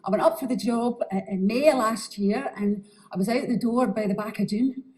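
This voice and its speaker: A woman acts as an indignant grandmother in her mid-sixties with a broad Scottish accent. Her voice sits high. She chats in a colloquial, emphatic way, as if telling her story to an interviewer. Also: normal speed, a little mellow, close to an everyday voice, low-quality recording. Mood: indignant, chatty. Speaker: interviewee in a case study.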